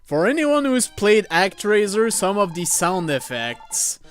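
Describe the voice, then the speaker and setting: A man narrates his gameplay for a live stream in an unhurried, drawn-out way, his voice sitting a touch high. Faint game music plays underneath him. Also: sing-song. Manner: slow, laid-back narration of gameplay. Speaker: let's play streamer.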